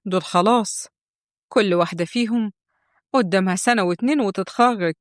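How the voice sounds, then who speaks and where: A woman's voice: mid-range voice, fairly quick, dry recording, studio quality, natural voice. A woman voicing a scheming, nagging mother-in-law who scolds and guilt-trips in Egyptian Arabic. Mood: reproachful.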